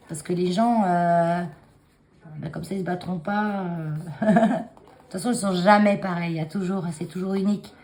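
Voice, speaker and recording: Her voice sits fairly low and carries a little mellowness as she chats casually to the phone camera propped on a taped stand. Showing her handmade cards at the desk, this craft vlogger keeps clearing a frog in her throat and stumbles through fillers and restarts.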